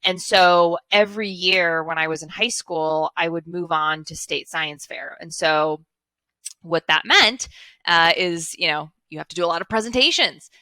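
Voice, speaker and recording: Here a woman from Chicago shares her story in a casual interview, joining by headset video call from an indoor home office fitted with blinds. Earnest and fluent, she still drops in frequent fillers, speaking at normal speed in a lowish, bright, forceful voice that's clear and resonant, recorded dry.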